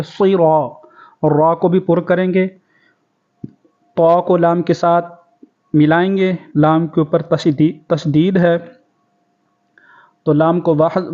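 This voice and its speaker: A male Quran teacher from Pakistan giving a tajweed lesson, chanting verses slowly and then explaining the rules of pronunciation quickly. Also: on the high side, darkish tone. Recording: dull lo-fi recording.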